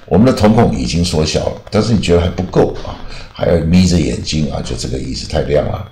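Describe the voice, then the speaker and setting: An older man teaching English vocabulary, explaining slowly and rambling, with a drawn-out "ah" trailing his phrases. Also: rumbling low, lively intonation, dark tone, reverberant.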